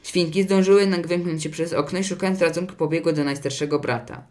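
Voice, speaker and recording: A man narrating a children's fairy tale in a lively, expressive storybook reading. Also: on the high side, fast talker.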